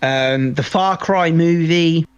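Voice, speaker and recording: Over lo-fi sound, a man's fairly high, smooth voice moves slowly as he co-hosts a podcast. In casual conversation he delivers emphatic opinions on films, often repeating himself for emphasis.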